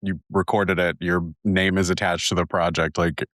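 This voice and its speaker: A man hosts a relaxed conversation with guests, laughing along as he asks questions. His voice is very low, and the sound is dry and close. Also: measured pace, no echo. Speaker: podcast host. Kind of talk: casual interview.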